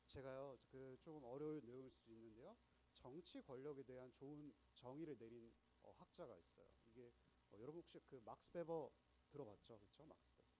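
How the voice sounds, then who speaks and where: A man's voice: mid-range voice, brisk, warm tone, a little hiss or hum, poor audio. A young man preaching a sermon to teenagers. He talks in a chatty, explaining way and keeps asking the audience questions. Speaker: youth group preacher.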